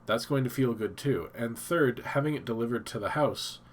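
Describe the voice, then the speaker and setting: A man hosts a casual live stream from his home office, sounding stuffed up as he thinks aloud with many fillers and restarts. His voice is medium-pitched at a moderate pace, with a little hiss or hum.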